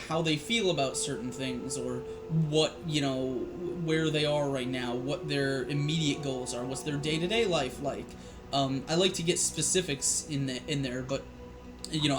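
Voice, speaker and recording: Rambling man over background music. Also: on the high side. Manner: rambling, frequent restarts and fillers. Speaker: dungeon master. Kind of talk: casual live show chat.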